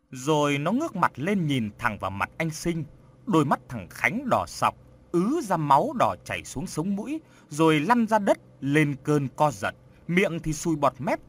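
A man narrating a ghost story in an expressive, dramatic way. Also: fairly high pitch. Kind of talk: audiobook horror story narration.

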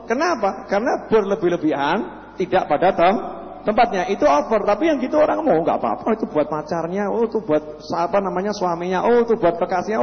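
A man preaching a Q&A sermon, lively and humorous, full of rhetorical questions. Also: extremely high pitch. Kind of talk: Q&A sermon to a live audience. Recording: lo-fi reverberant hall recording.

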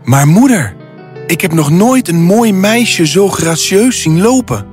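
An actor playing a polite young prince in a storybook tale, courteous and theatrical. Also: male voice, high voice, animated, slow pace, a little mellow, soft background music. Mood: gallant. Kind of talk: storybook voice acting.

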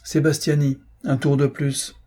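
Cruel marquis as a man reads him, harsh commanding manner, husky dark tone, raised pitch. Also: level tone, unhurried. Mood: frantic demanding. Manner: harsh, commanding, increasingly frantic. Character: cruel middle-aged male marquis, torturer. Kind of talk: audiobook character reading.

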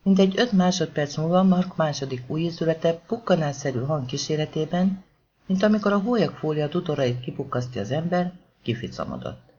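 A man narrating a crime novel as an audiobook with an expressive, dramatic reading. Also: on the high side. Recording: dull lo-fi audiobook recording.

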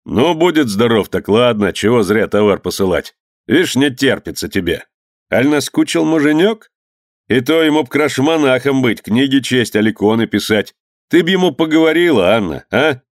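A sly merchant needles and mocks in an even middle voice, as a male narrator reads him. The recording is dry and close. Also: mid-range voice, moderate pace, no echo, natural voice. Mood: mocking. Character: mocking merchant brother-in-law, gruff, sly.

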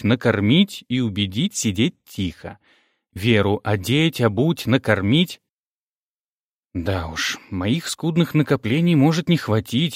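A man's voice: mid-range voice, no echo, studio quality. Wry male audiobook narrator. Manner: wry, ironic. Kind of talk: first-person novel narration.

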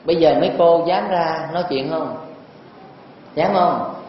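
A monk with a Southern Vietnamese accent gives a homely, teasing dharma talk, repeatedly asking the audience questions. His voice is on the high side and a little slow, and the temple hall recording is very echoey, dull, lo-fi, with faint noise.

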